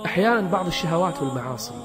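A man's voice: a little high, animated, racing. A man preaching a motivational sermon, emphatic, firing rhetorical questions and repeating himself for force. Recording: long hall reverb with background music.

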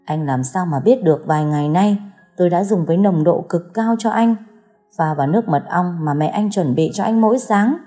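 A woman's voice: lowish voice, a little fast, mellow, soft background music, close to an everyday voice. A woman voicing a scheming young woman who mocks and taunts her husband. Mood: taunting. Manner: mocking, cutting.

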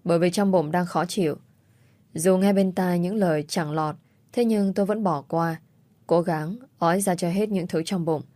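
A woman narrating a first-person story in a steady, measured audiobook style. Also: on the low side, no echo.

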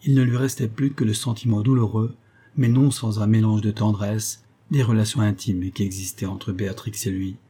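A man calmly narrating a literary tale, reading it aloud in a measured way. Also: lowish voice, breathy edge.

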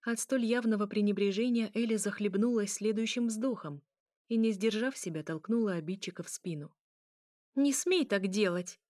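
A woman narrating a story in a measured, even reading voice. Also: medium pitch, dry recording, studio quality. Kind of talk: audiobook narration.

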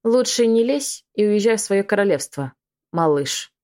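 A woman's voice: medium pitch, lively intonation, normal speed, darkish tone, lightly acted. Woman voicing a scornful scheming witch. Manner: scornful, drawling threats.

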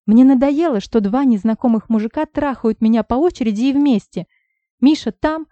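A sharp-tongued young woman at the end of her patience, voiced by a woman reading an audiobook. She flings out shrill, indignant lines well above her usual pitch, pushing louder as she goes. The recording is dry and a touch dull. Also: animated, normal speed, no room sound, natural voice. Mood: furious.

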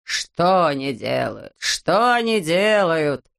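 A woman's voice: fairly low pitch, smooth. A woman voicing a bald, bossy, greedy male landowner who screeches, drags out his words and hurls insults, as a character in an audiobook. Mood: furious. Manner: screeching, drawn-out yelling, name-calling.

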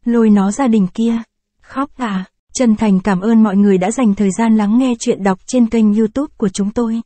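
Mellow woman reading a story. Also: medium pitch, no echo. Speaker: story narrator. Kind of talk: scripted narration.

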